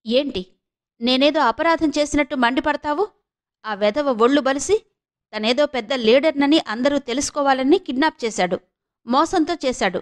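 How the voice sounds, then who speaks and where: A woman voicing a defiant young woman who speaks sharply and with force, high-pitched. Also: normal speed, long pauses, close to an everyday voice. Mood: furious.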